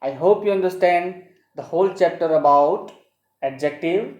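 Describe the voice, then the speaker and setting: A woman's voice: on the low side, drawn-out words, darkish tone. A woman teacher with a Gujarati accent, reading English grammar rules aloud in a recorded lesson and explaining them. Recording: dull, roomy home recording.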